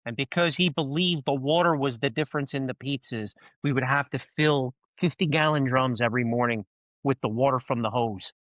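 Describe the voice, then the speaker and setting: A man's voice: mid-range voice, brisk, fairly bright tone, no room sound, highs cut off. A man from Brooklyn hosting a podcast interview, full of joking, self-mocking banter. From Brooklyn, New York. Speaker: podcast host.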